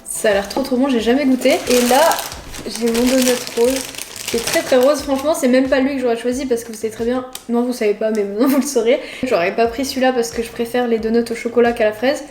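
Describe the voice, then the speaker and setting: A woman's voice: fairly high pitch, fairly even intonation, fast talker, a little mellow, a little hiss or hum. Chatty young woman in an echoey kitchen. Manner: chatty, giggly, talking to viewers. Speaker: vlogger. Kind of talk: casual food challenge vlog. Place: home kitchen. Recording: echoey room with music behind.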